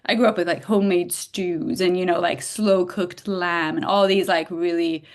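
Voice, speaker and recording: Guesting on a casual interview, a woman from Bulgaria talks with animation, dropping in frequent fillers and quick bursts of laughter. She speaks at a fairly low pitch.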